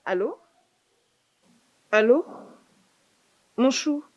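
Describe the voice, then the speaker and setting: A woman's voice: sits high, lively intonation, very slow, darkish tone, no echo, highs cut off, exaggerated voice. A young woman playing a sassy, scheming younger aunt in a sitcom, needling everyone with rhetorical questions and repeated "hein". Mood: scolding. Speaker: sitcom actress. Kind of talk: comedic sitcom acting.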